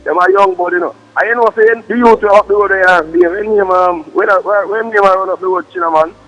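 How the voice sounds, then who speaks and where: A man's voice: high-pitched, brisk, fairly bright tone. A Jamaican man talking emphatic, repetitive patois slang on a muffled three-way phone call.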